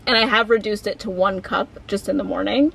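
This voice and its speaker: A woman's voice: medium pitch, a little fast, vocal fry, fairly bright tone, a little hiss or hum, low-quality recording. A woman vlogger chatting casually, full of "like" fillers. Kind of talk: casual chat.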